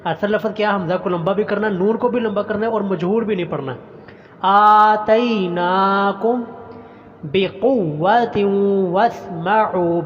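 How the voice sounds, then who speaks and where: A male Quran teacher recites each word slowly and drawn out, then explains its pronunciation briskly. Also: sits high, big-room sound, highs cut off, slight background noise. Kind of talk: recitation lesson.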